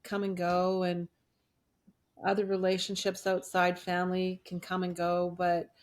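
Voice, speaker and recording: A woman's voice: fairly low pitch, completely flat delivery, a little slow. A woman co-hosting a casual interview, speaking in an effusive, sentimental way. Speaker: podcast co-host.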